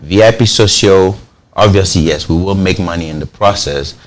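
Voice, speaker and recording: A Cameroonian man who founded a company speaks in a low voice at a normal pace during a conversational TV interview. He explains things at length, restarting phrases and repeating words as he begins them.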